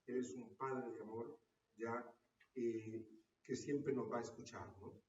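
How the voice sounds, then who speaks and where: A man's voice: medium pitch, flat delivery, takes it slowly, darkish tone. A man, a parish priest, giving a teaching talk to parishioners and checking in with his listeners through a frequent questioning tag. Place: parish hall or church room. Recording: roomy, distant, dull sound.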